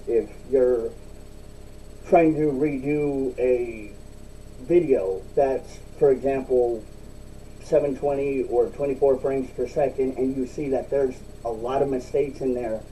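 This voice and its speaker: Male vlogger, unhurried and repetitive, speaking with a lip full of chewing tobacco, recorded off-mic with faint rumbling noise. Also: dark tone, recorded from a distance, low-quality recording. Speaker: video blogger. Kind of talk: casual solo vlog talk, rambling explanation.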